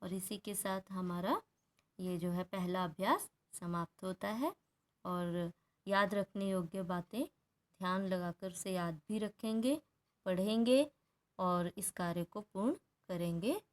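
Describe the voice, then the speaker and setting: A woman's voice: mid-range voice, unhurried. A woman teacher patiently working through a Hindi grammar workbook, explaining each answer step by step and checking in with students. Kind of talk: workbook lesson walkthrough.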